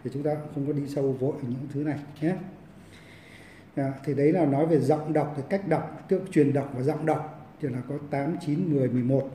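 A man, a Buddhist monk giving a Dharma lecture in a halting way, full of repeated fillers and restarts, recorded in a monastery hall. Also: a little high, fairly even intonation, dark tone, a little hiss or hum. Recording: roomy echo, mic at a distance.

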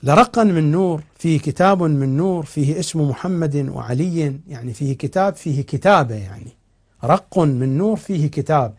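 A man speaking as a cleric in a TV religious lecture, reciting old narrations and then explaining them slowly and with emphasis. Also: fairly high pitch, animated, a little mellow, slightly rough. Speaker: cleric teaching on TV. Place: television studio.

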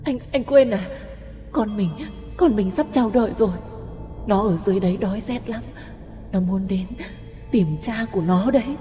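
A man's voice: very high voice, expressive, unhurried, darkish tone, long reverb tail, faint music behind, pitched above the performer's own voice. A man voicing the vengeful ghost of a young woman who pleads and wails in an eerie way. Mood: pleading.

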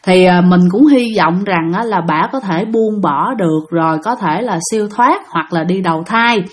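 A woman's voice: mid-range voice, normal speed. A woman with a Southern Vietnamese accent, chatting to her listeners as she retells ghost stories sent in by them. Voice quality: lively, dramatic retelling with chatty asides to listeners. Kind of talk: casual spoken storytelling.

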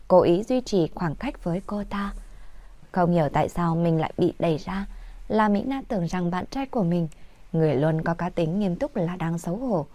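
A woman narrating a romance novel as an audiobook, in an even storytelling manner. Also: fairly low pitch, dry recording.

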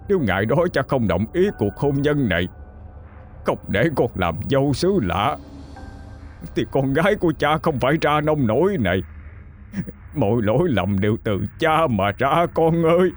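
A man's voice: medium pitch, sing-song, moderate pace, soft background music, pitched above the performer's own voice, lightly acted. A man playing a sobbing old father. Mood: tearful. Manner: tearful, trembling pleading. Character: heartbroken older father, sobbing and pleading.

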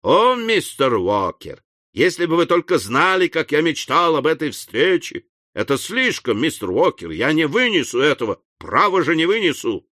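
A man reading an audiobook voices a sly, tearful hypocrite who fawns in a gushing, drawn-out, plaintive way. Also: a little high, very animated, bright, forceful tone, dry recording, clean studio sound, pitched above the performer's own voice, full character voice. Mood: gushing, fawning.

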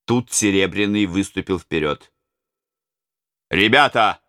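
A male narrator reading a historical adventure slowly and dramatically. His voice is bright and forceful, rising and falling widely through each sentence. The sound is dry and close, with no room around it. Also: fairly low pitch, smooth, no room sound. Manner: dramatic, expressive. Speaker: audiobook narrator. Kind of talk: scripted narration.

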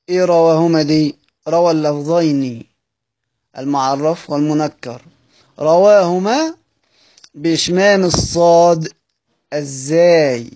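Egyptian guy teaching a class, kinda high voice, asks the students stuff then answers it himself. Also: darkish tone. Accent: Egyptian Arabic. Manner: explains step by step, asks the students questions and answers them himself. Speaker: Quran recitation teacher. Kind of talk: recorded study-circle lesson.

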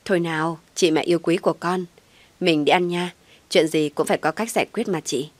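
A woman's voice: lowish voice, fairly even intonation, brisk, dry recording, close to an everyday voice. A woman voicing a devoted young man who coaxes and pleads in an audio story. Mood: coaxing pleading. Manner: coaxing, pleading.

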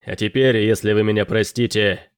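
A man's voice: on the low side, fairly even intonation, normal speed, smooth, dry recording, lightly acted. A man voicing a tired, sardonic pirate officer who speaks in a dry, curt way.

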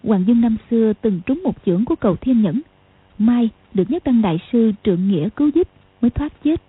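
A woman narrating a martial arts novel as an audiobook in a steady, dramatic reading. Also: on the high side, fairly quick, slightly rough. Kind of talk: storytelling narration. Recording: tinny lo-fi audio.

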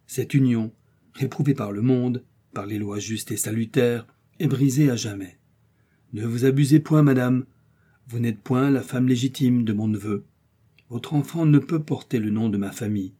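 A man reading the part of a cold, severe old aristocratic uncle, in a calm but harsh, husky voice. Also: mid-range voice, normal speed, lightly acted. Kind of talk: audiobook character reading.

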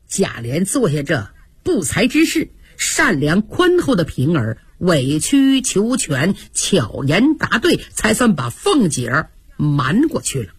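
Husky, animated woman storyteller. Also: lowish voice, slow pace, no room sound. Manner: vivid, animated, chatty asides. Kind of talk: radio storytelling.

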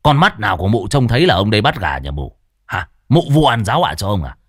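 A man voicing a rough, thieving young village man in a spoken ghost story, gruff and coarse in speech. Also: low-pitched, very animated, moderate pace, darkish tone, dry recording, studio quality, voice pushed down, heavily acted. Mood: aggressive.

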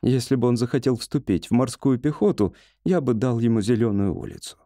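A man voicing a patient middle-aged doctor in an audiobook, speaking in a measured, reassuring way. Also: medium pitch, very animated, dark tone, dry recording, clean studio sound. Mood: calm. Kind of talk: audiobook character voice.

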